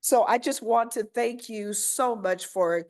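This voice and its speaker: Slow-speaking woman principal, halting. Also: darkish tone. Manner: halting with fillers, voices children's chants in a high pitch. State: a little nervous. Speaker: school principal. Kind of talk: board meeting presentation.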